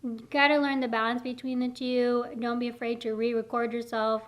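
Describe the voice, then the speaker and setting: A woman's voice: a little high, level tone, brisk. A woman who teaches cosmetology, talking casually to the camera in a rambling, encouraging, self-deprecating way, a bit out of breath, indoors on a camera mic. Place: indoors, warm room. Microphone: camera mic, speaking to lens.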